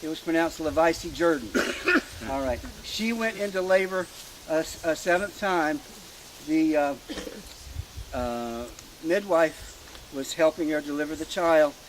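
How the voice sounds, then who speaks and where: A middle-aged man telling family history to a gathered group outdoors at a rural graveside, in a hesitant, halting way with many fillers and restarts. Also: fairly high pitch, a little hiss or hum, poor audio. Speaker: family historian speaking at a family reunion. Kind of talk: informal storytelling speech to a gathered group.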